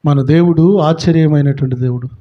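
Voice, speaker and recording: A man's voice: a little high, fairly quick, lo-fi sound. A man preaching a sermon as a pastor, emphatic, with frequent rhetorical questions.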